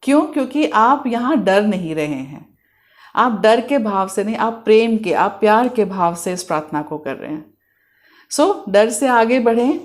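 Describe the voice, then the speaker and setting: Indian woman, soft-spoken spiritual healer. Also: mid-range voice. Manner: mixes Hindi and English, slows to a soft hush for the repeated prayer phrases. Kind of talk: spiritual guidance talk.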